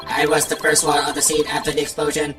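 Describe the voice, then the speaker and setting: In a game fandub, a woman voices a terse male bomb expert who talks through a speech synthesizer, using a robotic, clipped, unemotional delivery that is flat and matter-of-fact. Her low, monotone voice, close to an everyday one, comes fast and reverberant from a distant mic over prominent game music.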